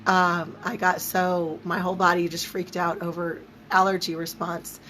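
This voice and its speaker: A woman with a squeaky voice strained by allergies, teaching an informal livestream lesson in a conversational, emphatic, down-to-earth way. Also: level tone, normal speed, fairly bright tone. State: throat and voice affected by allergy. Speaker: spiritual teacher leading a live online series. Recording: noticeable background noise.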